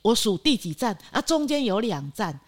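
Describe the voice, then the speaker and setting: An older woman with a Taiwanese Mandarin accent, a guest telling lively anecdotes in a casual interview and acting out what people said. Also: on the high side, normal speed. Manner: lively anecdotes, often acting out quoted lines and laughing.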